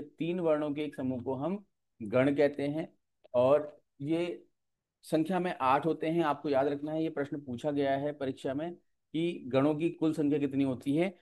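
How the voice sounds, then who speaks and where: A man with a mellow, darker voice gives an exam-prep lecture. He explains patiently, step by step, and keeps checking in with his students as he goes. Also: mid-range voice. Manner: explanatory, often checks in with "ठीक है". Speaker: teacher.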